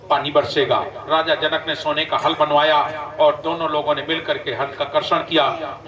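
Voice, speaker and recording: A high-pitched man with a delivers a folk sermon, telling religious tales with animated energy and acting out each character's lines. He sounds some distance from the mic in an echoey space. The murmur of a crowd carries behind him. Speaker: religious storyteller.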